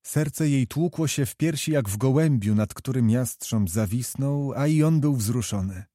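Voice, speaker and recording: A man reading a classic novel aloud in measured, even audiobook narration. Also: mid-range voice, no echo, clean studio sound.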